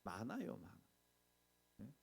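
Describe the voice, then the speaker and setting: A middle-aged man preaching a sermon as pastor, animated, asking the congregation questions and acting out complaints. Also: mid-range voice, slow, creaky, breathy edge.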